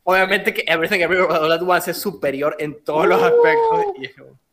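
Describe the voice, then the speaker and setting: A man's voice: high-pitched, fast, over a noisy crowd. A man in a casual film chat, citing figures and joking. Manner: lively, cites figures, jokes. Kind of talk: casual group chat about films.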